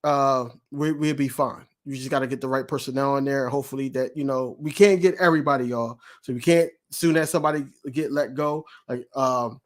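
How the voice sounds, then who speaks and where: Man, casual sports podcast chat, loose delivery, many fillers, medium pitch. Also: fairly even intonation, a little fast, hardly any pauses. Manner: loose, repetitive, frequent fillers and restarts. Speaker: podcast panelist.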